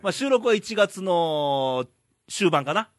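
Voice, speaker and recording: A man's voice: sits high, no echo, studio quality. A man hosting a podcast, chatting casually and joking with his co-host. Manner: lively, quick, joking, laughs often. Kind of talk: casual chat.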